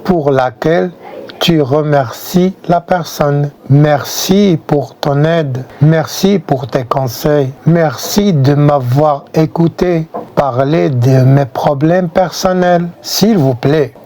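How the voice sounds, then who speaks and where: Guy reading a french lesson, super slow and careful, kinda high soft voice. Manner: clear, deliberate delivery with spoken example phrases. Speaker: French teacher. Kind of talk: slow scripted lesson narration.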